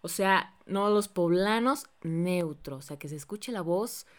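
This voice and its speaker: A woman from Mexico hosting a podcast, chatty and enthusiastic with quick asides. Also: lowish voice, expressive. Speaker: podcast host. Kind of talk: casual podcast interview.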